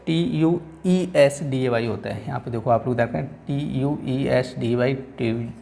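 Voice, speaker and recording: A man's voice: mid-range voice, normal speed, gravelly, mellow, a little hiss or hum. A male teacher giving a classroom lecture who keeps asking his own questions and answering them, speaking English words.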